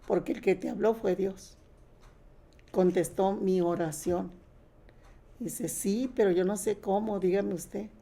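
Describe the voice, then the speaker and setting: A woman's voice: mid-range voice, fairly even intonation, slow, gravelly, pauses often, warm tone. An older woman sharing her personal testimony in a plain conversational way, retelling past conversations.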